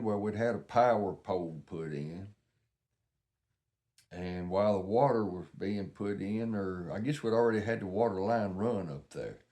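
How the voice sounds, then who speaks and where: Older male, Southern US accent, lowish pitch, casual folksy storyteller, unpolished and rambling. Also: warm tone. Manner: folksy, plain-spoken reminiscing. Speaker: vlogger.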